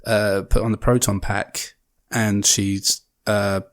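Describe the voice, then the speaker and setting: A man talks through his thoughts on a film on a podcast, pausing on ums and repeating words. His voice sits on the low side. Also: level tone. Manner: hesitant, many ums and repeats. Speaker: podcast co-host. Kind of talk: casual film discussion.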